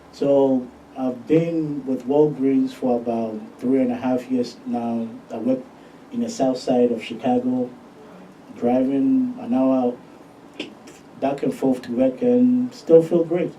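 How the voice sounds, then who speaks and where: A man from Ghana, a pharmacist guest, telling his story calmly in a podcast interview. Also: mid-range voice. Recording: distant, dull mic with faint noise.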